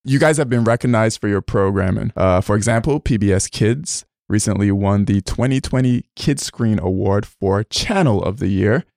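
Gravelly man hosting an interview. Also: lowish voice, moderate pace, hardly any pauses, darkish tone, dry recording, studio quality. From Barbados. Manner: friendly, chatty, asks long questions. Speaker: interview host. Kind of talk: conversational interview.

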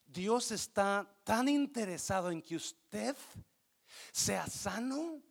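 A male pastor preaching a sermon, questioning the congregation and building to loud peaks. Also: high voice, animated, takes it slowly, gravelly.

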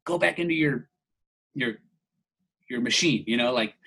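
A man voicing a tall male groundskeeper who softly shushes and coaxes people back to sleep, repeating himself. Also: medium pitch, moderate pace, husky. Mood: soothing. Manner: soft shushing, repetitive coaxing.

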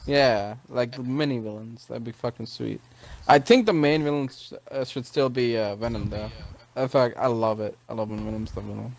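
A man's voice: medium pitch, steady tone, moderate pace, vocal fry, low-quality recording. A young man in casual podcast chat, laid-back and profane. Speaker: podcast co-host.

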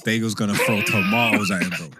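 A man's voice: lowish voice, steady tone, fast, very noisy. A man with a London roadman accent, chatting casually in street slang.

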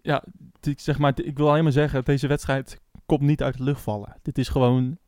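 Halting man, dry sound. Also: mid-range voice, level tone, a little mellow, dry recording. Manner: halting, many restarts and fillers. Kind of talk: casual chat.

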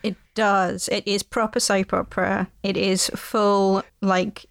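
A woman hosting a history podcast, talking with relaxed enthusiasm. Her voice has a slight gravelly fry. She sounds close and dry on the mic, with no room around her. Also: mid-range voice, slow, no room sound. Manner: chatty, enthusiastic, many fillers. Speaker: podcast co-host. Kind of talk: casual chat.

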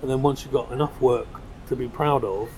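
A man's voice: mid-range voice, fairly even intonation, a little fast, a little mellow, a little hiss or hum, rough recording. A middle-aged man with a South London accent, talking in a casual, discursive, informal way as an interview guest. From South London, England. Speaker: podcast guest, designer. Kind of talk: casual pub interview chat. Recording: busy crowd chatter behind.

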